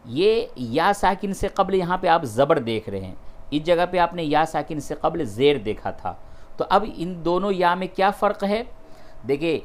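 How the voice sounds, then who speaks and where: A man teaching Quran recitation rules step by step, patiently explaining and repeating key terms between slow, drawn-out recited phrases. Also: on the high side. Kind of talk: step-by-step tajweed lesson.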